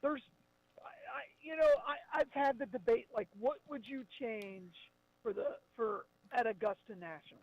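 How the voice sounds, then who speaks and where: A man's voice: very high voice, moderate pace, dry recording. A man talking sports on a buzzy, glitchy phone call that breaks up, stammering and repeating words as he starts. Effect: buzzy, glitchy phone call audio that breaks up. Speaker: sports radio co-host on a call. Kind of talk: casual sports talk. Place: outdoors or in a car in pouring rain. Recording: dull phone line.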